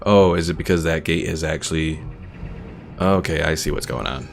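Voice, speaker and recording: A man with a very deep, creaky voice streams a game and thinks aloud as he plays, keeping his commentary casual at a moderate pace. Video game music plays behind him, and there's a slight hiss or hum on the recording.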